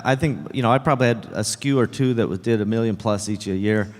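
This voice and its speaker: A man on a conference panel gives relaxed, matter-of-fact advice to the audience. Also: fairly low pitch, fast. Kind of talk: advising at a seller conference. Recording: reverberant conference hall.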